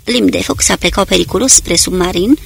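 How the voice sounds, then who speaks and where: A narrator reading a war novel aloud in a steady storytelling delivery. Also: medium pitch, creaky, slightly rough. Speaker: audiobook narrator. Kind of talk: dramatic audiobook narration.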